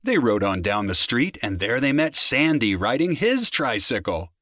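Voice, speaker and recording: A man reading a children's storybook aloud in an expressive, animated way. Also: mid-range voice, moderate pace, no room sound, studio quality.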